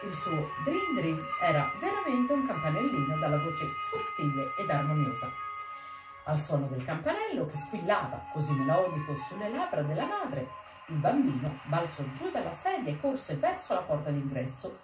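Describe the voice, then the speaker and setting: A woman reading a literary story aloud in an expressive, measured way at a library event. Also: sits low, reverberant, recorded from a distance, over music, low-quality recording. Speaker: reader.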